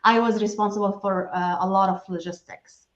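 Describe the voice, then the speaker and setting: A woman's voice: medium pitch, steady tone, moderate pace. Woman, from Syria, middle-aged, interview guest, earnest, chatty, restarts, echoey dull video-call sound. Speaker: guest, enrolled agent for nonprofits. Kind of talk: casual interview talk.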